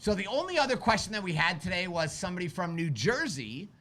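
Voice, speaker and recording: Guy doing a live stream, higher voice, tells stories all animated, asks lots of rhetorical stuff. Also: fast. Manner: talks with his kids on stream. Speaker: firearms instructor and livestream host. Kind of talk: live-stream chat answering viewer questions.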